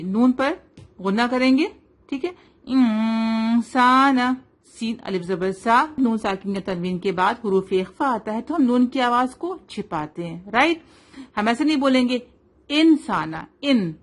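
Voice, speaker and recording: A woman with a somewhat high voice gives a patient tajweed lesson to a child. She draws recited words out slowly to demonstrate them. She checks understanding with quick questions. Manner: asks quiz questions and checks with "right?" and "fine". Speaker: Quran recitation teacher. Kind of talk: tajweed lesson for a child, mixing Urdu and English.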